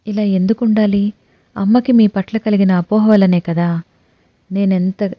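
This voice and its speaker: A woman narrating an audio novel in the first person, with lively, expressive storytelling. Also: medium pitch, no room sound. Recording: dull dry recording.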